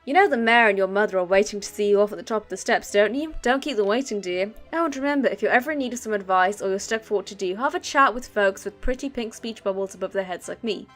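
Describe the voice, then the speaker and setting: A woman's voice: mid-range voice, fast, hardly any pauses, a bit bright, faint music behind, close to an everyday voice. Chatty helpful village woman calling people "dear", read by a woman. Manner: read aloud from on-screen text. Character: chatty village lady giving tips.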